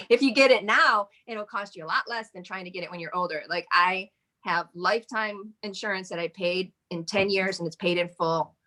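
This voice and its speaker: This modeling agency owner from Michigan, in her forties, is a guest on a relaxed interview, talking in a rambling, chatty way with lots of laughter. Her voice sits on the low side and sounds sharp.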